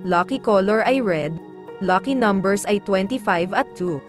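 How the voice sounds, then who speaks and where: A woman narrating daily horoscopes in a measured, formal reading style. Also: mid-range voice. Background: faint background music.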